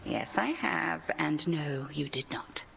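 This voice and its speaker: A gravelly, stern witch goddess. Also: sits low, animated, a bit bright, a little hiss or hum, heavily acted. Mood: reserved. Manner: formal, measured, reserved. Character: stern ancient witch goddess, female, formal mentor. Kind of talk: video game voice acting.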